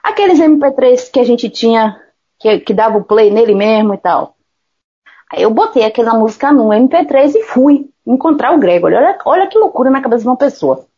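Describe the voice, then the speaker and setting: In a dull lo-fi recording, a singer from Salvador, Brazil tells an animated story in casual chat, acting out the people's voices and swearing freely. Her voice is fairly high, brisk and a bit breathy.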